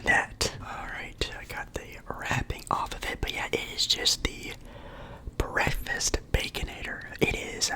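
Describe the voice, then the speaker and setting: A young man whispering casually as an ASMR creator, chatting about food between bites. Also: a little slow.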